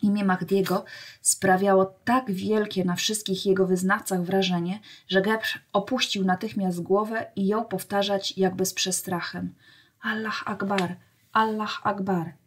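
A woman reading a children's novel aloud as a storyteller, in a measured, clear way. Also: mid-range voice, little pitch movement. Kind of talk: storybook narration.

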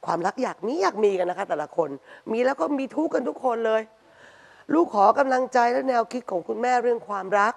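A woman's voice: fairly high pitch, lively intonation, fast, gravelly. A woman co-host respectfully reading listener questions on a live dharma talk show. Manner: respectful, reads questions, affirming. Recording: long hall reverb.

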